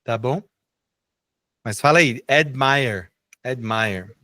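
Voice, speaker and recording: A man's voice: medium pitch, slow, sharp tone, studio quality. A middle-aged Brazilian man teaching English in a live online class, patiently explaining and repeating words for students to echo.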